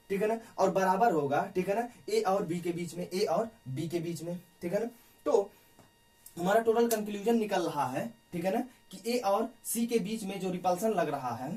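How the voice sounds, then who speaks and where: A man's voice: sits high, darkish tone, recorded from a distance. A male teacher explaining a physics problem at the board, constantly asking rhetorical questions and checking in with his students. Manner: keeps asking rhetorical questions and adding "ठीक है ना". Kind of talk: physics lesson worked on a board.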